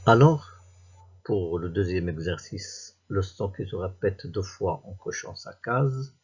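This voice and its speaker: A man with a Moroccan French accent, reading a worksheet aloud to young pupils as their teacher, slowly and deliberately, word by word. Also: low-pitched, animated, a little mellow, husky, lo-fi sound. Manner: slow and deliberate, reading words and syllables one by one. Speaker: primary school teacher.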